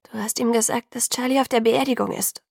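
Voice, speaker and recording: Anxious hesitant young girl, woman reading her, a bit breathy, dry sound. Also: a little high, steady tone, fairly quick, dry recording, pitched above the performer's own voice. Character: anxious young woman, first-person heroine.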